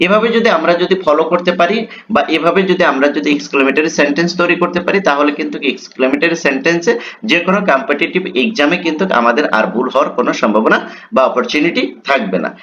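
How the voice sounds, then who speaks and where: A man with a Bengali accent teaching an English grammar lesson, reading the English examples slowly and explaining them with rhetorical questions. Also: on the high side, fairly bright tone. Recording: dull lo-fi with faint noise.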